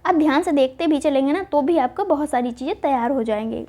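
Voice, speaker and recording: A woman teaching Hindi spelling for exam prep, spelling words out slowly and answering her own questions. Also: sits high, warm tone. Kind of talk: online exam-prep lesson.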